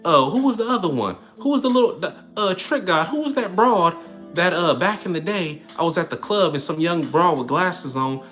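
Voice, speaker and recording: A man's voice: sits high, animated, normal speed, fairly bright tone, faint music behind. A man hosting a livestream in casual talk, reading and answering chat comments in a streetwise, preachy manner. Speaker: livestream host.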